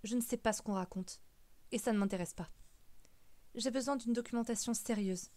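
A woman's voice: a little high, lightly acted. A woman playing a reserved young woman. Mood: firm. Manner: quiet, measured, stiff.

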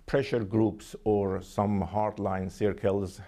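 A man with a Persian accent gives formal interview answers as a diplomat. His voice is dark and creaky, and he talks very slowly, with halting phrasing and many hesitations. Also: on the low side, little pitch movement. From Iran.

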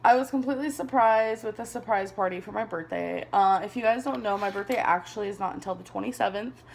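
A woman's voice: medium pitch, fast, gravelly, slight background noise. A woman in her twenties chatting casually to a camera on her desk, rambling and laughing often. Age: 20s. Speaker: vlogger. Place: small bedroom indoors. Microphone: camera on a desk below her.

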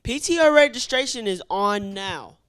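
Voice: mid-range voice, animated, normal speed, a bit bright, clean tone. A teenage student co-hosting a school news show, reading reminders in a plain, matter-of-fact way with teasing asides.

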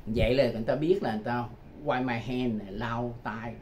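A man's voice: medium pitch, fairly even intonation. Older man, teaching. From Vietnam. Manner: chatty, repeats phrases slowly, chuckles often. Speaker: English tutor. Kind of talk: casual self-made language lesson. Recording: dull lo-fi sound with loud background noise.

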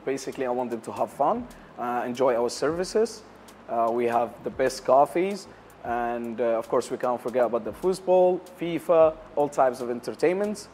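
A young man from Syria answers an interviewer in halting second-language English, leaning on fillers as he finds his words. His pitch sits in a middle range. He sounds close and clear on a lapel mic, with a faint room hum behind him. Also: expressive, a little mellow. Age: young adult. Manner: hesitant, many uh fillers, non-native English grammar. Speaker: barbershop owner, interview guest. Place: lounge area of a barbershop, indoors.

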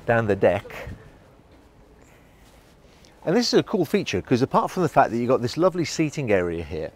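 A man's voice: mid-range voice, darkish tone, slight background noise. A middle-aged man giving an enthusiastic walkthrough tour of a yacht, guiding the viewer as he walks. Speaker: yacht reviewer. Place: outdoors on a yacht deck and inside its saloon at a boat show.

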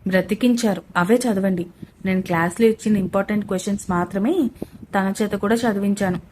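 A man's voice: sits high, fairly even intonation, brisk, darkish tone, slight background noise, voice pushed down, close to an everyday voice. A woman voicing a young male tutor who is also a teasing husband, with a dry manner.

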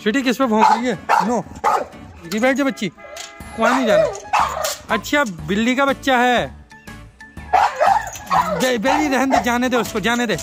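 A man's voice: animated, a little slow, long pauses. Man vlogging at home, coaxing his dog. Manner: coos at the dog in high baby talk. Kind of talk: casual home vlog. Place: family home. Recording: background music under the voice.

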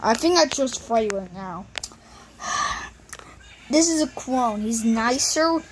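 A woman's voice: on the high side, expressive, slow pace, a little hiss or hum, low-quality recording. A woman improvising a plush puppet show, rambling with lots of fillers and switching between character voices.

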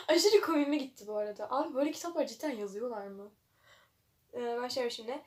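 A woman's voice: high-pitched, big pitch swings, normal speed, fairly bright tone. A young woman reading a web novel aloud for a vlog, breaking off with mocking, laughing comments. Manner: mocking asides, frequent laughter.

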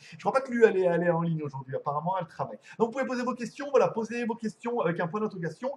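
A man's voice: sits high, expressive, racing, a little mellow. A man hosting a casual live stream from home as a tech reviewer, rambling, laughing often and swearing casually.

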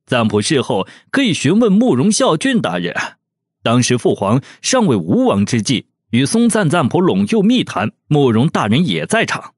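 A man's voice: medium pitch, husky, no echo, studio quality. A man as a composed, eloquent prince envoy. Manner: forceful, measured formal speech.

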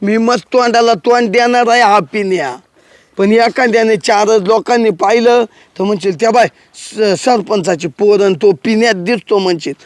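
A man playing a cautious, coaxing young village lover in a comedy sketch, who pleads with his girlfriend and gets excitable. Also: sits high, moderate pace, dry recording, close to an everyday voice.

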